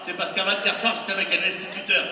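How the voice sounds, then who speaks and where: Casting: male stage magician, high voice, teasing comic patter, emphatic instructions to volunteers, very echoey distant gymnasium recording. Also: level tone, fast talker. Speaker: stage magician doing a comedy rope act. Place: large indoor gymnasium show before an audience. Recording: very echoey gymnasium, distant mic, noisy crowd.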